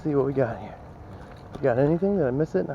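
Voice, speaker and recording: A man's voice: medium pitch, lively intonation, fast, muffled recording, slight background noise. A man vlogging as he metal detects on a sand beach at dawn, chatting to viewers and often exclaiming. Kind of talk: casual narration to camera while detecting.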